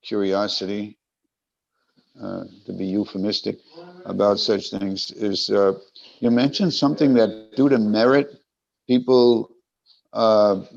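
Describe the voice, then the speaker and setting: A man with a growling, gravelly voice, talking casually and wordily as a participant commenting in a class, in a rambling, self-deprecating way. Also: on the low side, steady tone, slow. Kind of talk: casual spoken comment and question. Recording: dull, lo-fi internet call.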